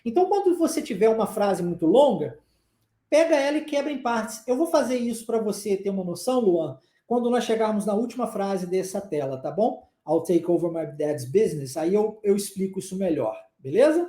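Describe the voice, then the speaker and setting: A woman's voice: mid-range voice, lively intonation, a little fast, mellow, reverberant. A woman with a southeastern Brazilian accent, giving a patient English pronunciation lesson and repeating phrases for drills. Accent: Brazilian Portuguese, southeastern. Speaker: English teacher.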